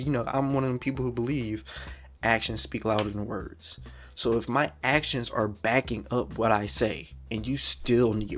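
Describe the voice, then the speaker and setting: A man in his twenties hosts a solo podcast, speaking bluntly in casual talk that is slangy, profane and repetitive. His voice is mid-range with a fairly bright tone.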